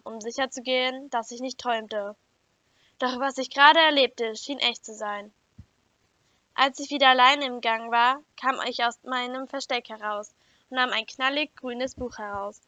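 A woman reading a first-person children's story aloud in an even, clear storytelling manner. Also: a little high, dry recording. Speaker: story reader. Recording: dull lo-fi dry recording.

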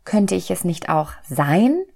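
A woman's voice: lowish voice, big pitch swings, takes it slowly, vocal fry, a little mellow, full character voice. A woman voicing a small, curious and cheeky childlike soul in a storybook reading. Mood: eager. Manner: eager, pleading, wondering.

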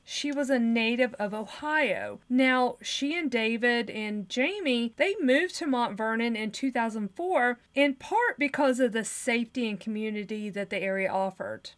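A woman co-hosts a true crime podcast. She chats casually with her co-host and then reads out the case details at a steady, measured pace in a voice pitched a little above average.

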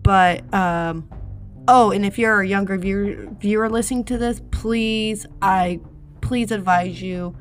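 A woman's voice: medium pitch, fairly even intonation, a little slow, faint music behind. Stumbling, apologetic woman reading a script. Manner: stumbling, apologetic, many fillers. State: hiccups. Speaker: true-crime narrator. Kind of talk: casual scripted reading with asides.

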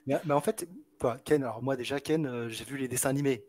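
A man's voice: mid-range voice, fast, darkish tone. A man co-hosting an online podcast, talking casually with many fillers and restarts. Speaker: podcast co-host.

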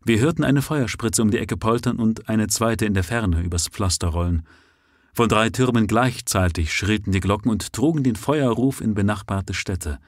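A man reading a story aloud live at sight, with expressive, unhurried narration. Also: on the low side, no echo, clean studio sound. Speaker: audiobook narrator.

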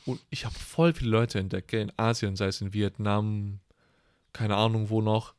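A man's voice: on the low side, moderate pace, smooth, no echo, clean studio sound. Young man, loose rambling chat. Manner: loose, rambling, crude humor. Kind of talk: casual slangy chat.

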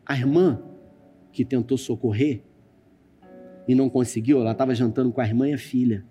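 Mellow Brazilian pastor preaching. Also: male voice, mid-range voice, fairly even intonation, brisk, lo-fi sound, faint music behind. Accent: Brazilian Portuguese. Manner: dramatic storyteller, addresses congregation directly. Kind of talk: sermon with personal storytelling. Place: church stage with screen.

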